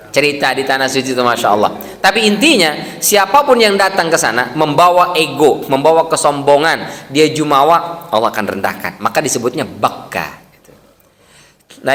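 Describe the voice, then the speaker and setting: A man's voice: a little high, a bit bright. A man giving an after-dawn mosque sermon, telling anecdotes in a humorous, conversational way. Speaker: Islamic preacher. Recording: long mosque reverb.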